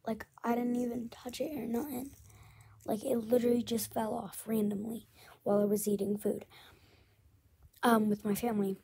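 A woman's voice: on the high side, level tone, moderate pace, gravelly, long pauses, dark tone. A young woman telling a casual storytime tale in a rambling way, full of fillers and often half-whispered.

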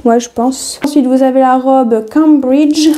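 Female vlogger, very warm and dark tone, chatty and meandering, laughs at herself. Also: high voice, flat delivery, normal speed, soft background music. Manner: rambling and chatty, many hesitations; self-deprecating, easily laughing. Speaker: sewing vlogger. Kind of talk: casual haul video chat.

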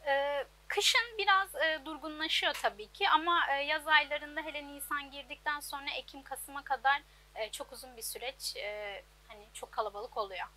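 A woman's voice: high voice, normal speed, hardly any pauses, sharp tone, a little hiss or hum. A woman in her twenties who owns a laundry, answering interview questions plainly and hesitantly, with many fillers, in an outdoor workshop. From Turkey. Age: 20s. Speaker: business owner.

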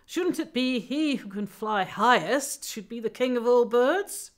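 A woman voicing a proud male eagle in a told folk tale, loud and declaiming. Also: fairly high pitch, animated, a little slow, pitched above the performer's own voice. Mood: boastful.

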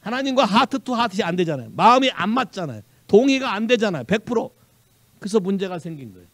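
Animated high-voiced Korean pastor preaching. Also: male voice, fast, dry recording. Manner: animated preaching, mixing Korean with English phrases, quizzing the congregation. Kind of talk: sermon. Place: church sanctuary.

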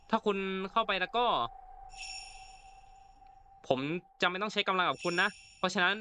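A stern male officer gives commands in a piercing, high-set voice. He warns rather than asks and keeps his tone firm. A man acts him out while playing a horror game. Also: steady tone, moderate pace, bright, forceful tone, slight background noise. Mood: warning. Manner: commanding, warning tone. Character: stern male officer ordering a stranger to kneel.

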